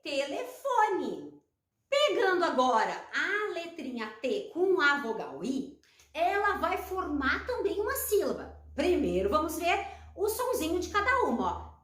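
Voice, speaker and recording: A Brazilian woman teaching children letter sounds, slow and encouraging, drawing out each syllable. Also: extremely high pitch, big pitch swings, a bit bright, roomy sound. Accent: Brazilian Portuguese. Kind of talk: children's phonics lesson.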